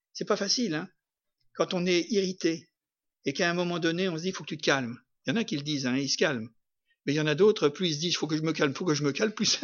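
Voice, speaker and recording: A man's voice: on the high side, a bit bright. A man preaching an informal sermon, talking in a conversational way with frequent tag questions and sudden emphatic bursts. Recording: muffled lo-fi recording.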